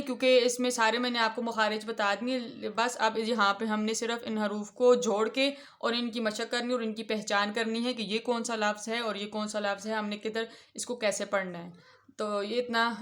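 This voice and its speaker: A woman's voice: a little high, a bit bright. Woman teaching letters in a patient voice. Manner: patient, explanatory, drawn-out letter recitation. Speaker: Quran reading teacher. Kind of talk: instructional lesson.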